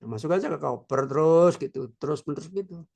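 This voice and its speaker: A man in his sixties, a philosophy professor, giving an informal lecture in a slow, reflective way with many filler words. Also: a little high, animated, vocal fry, a little mellow. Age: 60s. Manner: unhurried, reflective, with frequent filler "ya".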